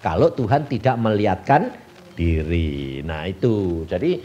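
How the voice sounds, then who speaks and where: A man's voice: low-pitched, very animated, unhurried, warm tone, highs cut off, a little hiss or hum. A male evangelist with a Javanese Indonesian accent, preaching a folksy sermon and answering his own questions. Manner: folksy, asks the congregation questions and answers them himself.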